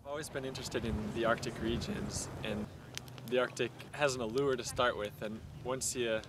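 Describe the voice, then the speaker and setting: A man's voice: mid-range voice, fairly even intonation, moderate pace, background noise. A man researcher speaking in an easygoing, reflective way in an interview.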